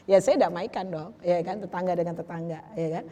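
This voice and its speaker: A woman's voice: fairly low pitch, a little fast, warm tone. Chatty older woman preaching, echoey hall. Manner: chatty, teasing, mixes Arabic phrases and slang. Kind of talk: casual sermon to a women's group.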